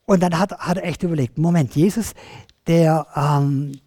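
A storyteller telling a Bible story to children, lively and addressing the listeners directly. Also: medium pitch, normal speed, no room sound, clean studio sound. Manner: animated, addresses listeners directly, many restarts.

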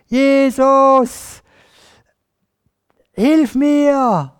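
A storyteller voicing a blind beggar man who shouts desperately for help in a children's Bible story. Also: high-pitched, extremely slow, voice pushed up. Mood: pleading shout. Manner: shouting at full strength.

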